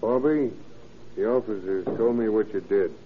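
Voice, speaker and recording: A rough but earnest convict father, played by a man in a 1930s radio play, full of remorse. His voice is low and his talk slangy and urging. The old recording is muffled with faint noise. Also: normal speed, natural voice. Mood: rueful.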